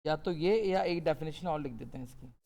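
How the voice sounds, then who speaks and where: A man teaching a classroom lecture, asking questions and answering them himself, slowing down on key definitions. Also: a little high, warm tone. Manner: drawn-out, slow phrasing on key definitions. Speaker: accountancy teacher.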